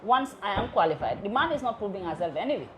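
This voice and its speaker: Over a noisy background, this woman from The Gambia talks quickly and with great animation at a medium pitch. She's an electrical engineer guesting on a live TV interview, earnest and emphatic, with local words woven into her English.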